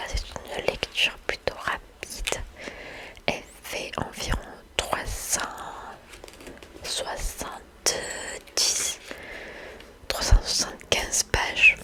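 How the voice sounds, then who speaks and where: A woman speaking in a soft library-like whisper, talking about books and reading aloud in an ASMR style. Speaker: book haul video host. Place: indoors, in front of bookshelves.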